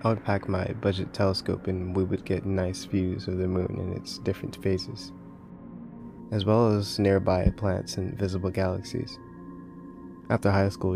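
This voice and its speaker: A man with a low, gravelly voice narrates horror stories in an even, restrained line. He records at home inside a closet, so the sound is a little muffled, with music faintly underneath. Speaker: horror story narrator and host. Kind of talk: scripted horror story narration.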